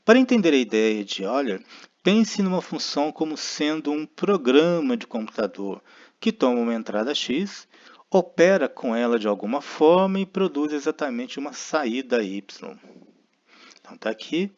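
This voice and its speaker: A man's voice: on the high side, big pitch swings, normal speed, darkish tone. Man teaching a recorded math lecture. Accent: Brazilian Portuguese. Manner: explanatory, frequent tag questions, thinking aloud. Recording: dull lo-fi recording.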